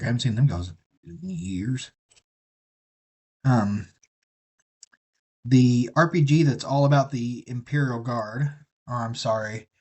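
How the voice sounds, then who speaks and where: Speaking with a drawl and a slightly mellow, mid-pitched voice, a man rambles on a live stream while building a kit. His chat is loose and folksy, full of casual swearing, wandering from one thought to another.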